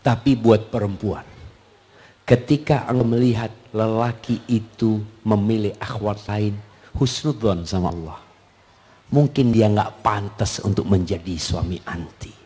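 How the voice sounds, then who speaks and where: A man preaching in a question-and-answer sermon, animated and acting out little husband-and-wife dialogues. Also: on the low side, unhurried, slightly rough.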